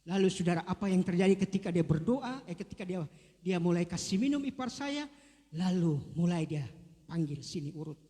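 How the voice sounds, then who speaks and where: A man delivers a sermon in a church with an emphatic, repetitive style. His voice sits very high. The sound trails off in a long church reverb. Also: lively intonation, a little fast, mellow. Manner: emphatic, repeats key words. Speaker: pastor.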